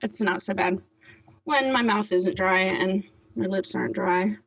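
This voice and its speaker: A woman's voice: mid-range voice, measured pace, creaky. A woman talking casually to camera in a vlog, articulating carefully around dentures, with a slight lisp and hard, whistling S sounds. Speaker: vlogger.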